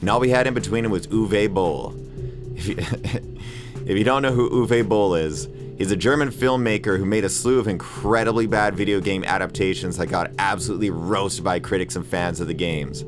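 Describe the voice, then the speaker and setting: A man in his thirties, a video essayist and channel host, narrates a casual piece at a moderate pace in a low-pitched voice. Background music plays as he talks in a slangy, profane, irreverent and opinionated way.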